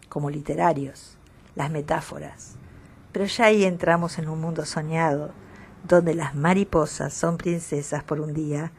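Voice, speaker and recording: A woman's voice: deep voice, darkish tone, husky. A middle-aged woman, hosting a radio program and giving a scripted, didactic reflection on language that turns poetic at times. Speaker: radio host.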